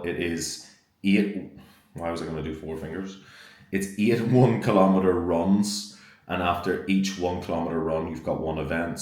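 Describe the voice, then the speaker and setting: A man's voice: sits low, darkish tone. A young man talking casually to camera as a fitness vlogger, upbeat and chatty and swearing freely.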